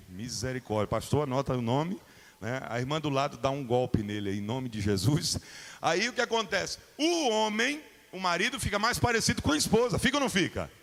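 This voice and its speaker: A man in his forties, a guest pastor preaching a lively sermon and acting out little dialogues as he tells stories. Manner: lively preaching, acts out dialogues with shifting pitch. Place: church sanctuary. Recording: long hall reverb.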